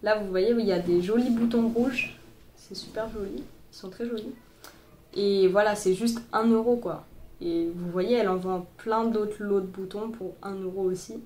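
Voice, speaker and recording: A young woman, a sewing vlogger, chats casually through a sewing tutorial, her speech full of fillers and restarts and a bit stuffy from a cold. Her mid-range voice is steady and slightly mellow at a moderate pace. It was recorded on her boyfriend's phone, so the sound is roomy with faint hiss or hum.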